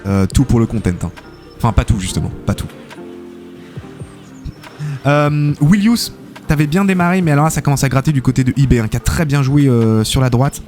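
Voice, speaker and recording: A man's voice: medium pitch, expressive, a little fast, long pauses, a little mellow, faint music behind. A man hosting a live game stream, commentating matches and reading out chat, chatty and full of fillers, thanking viewers often.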